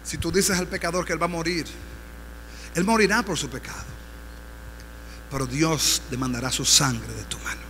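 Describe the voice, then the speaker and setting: A man's voice: on the high side, moderate pace, long pauses, fairly bright tone. A man with a Dominican accent, a pastor preaching a fervent sermon with rising exhortations in a church. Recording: reverberant church hall, faint hum.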